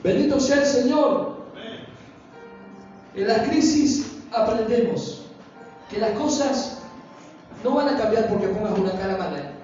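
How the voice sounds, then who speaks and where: A man preaching a sermon in a very high voice for a man. He throws out rhetorical questions and slips into the voices of the people he quotes. The sound is distant and dull, with heavy church-hall echo and faint music. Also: animated, unhurried, long pauses, darkish tone. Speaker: pastor. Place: church meeting room.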